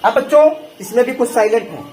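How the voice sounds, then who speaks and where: This male English teacher speaks fast and expressively, his extremely high voice carrying a somewhat dark tone. He repeatedly quizzes students with the same question in a call-and-response lesson, recorded in an echoey room with faint noise.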